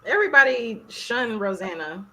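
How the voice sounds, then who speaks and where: A woman hosting a casual podcast livestream, lively and teasing, often laughing. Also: fairly high pitch, moderate pace, low-quality recording. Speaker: podcast host.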